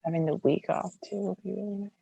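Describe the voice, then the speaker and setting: A woman hosting a relaxed podcast chat in a slightly gravelly morning voice. She talks chattily and drops "like" often. Her voice is recorded close up and dry, with no room echo. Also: fairly low pitch, quick pace. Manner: chatty, lots of fillers like "like". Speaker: podcast host. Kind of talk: casual chat.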